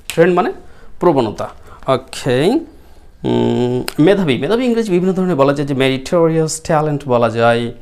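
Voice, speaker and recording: A man's voice: on the high side, a little mellow. A man with a Bengali accent teaching English vocabulary, who spells words letter by letter and repeats them, then asks the class questions and answers them himself. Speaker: English tutor. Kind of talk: vocabulary lesson. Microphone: writes on a screen while teaching.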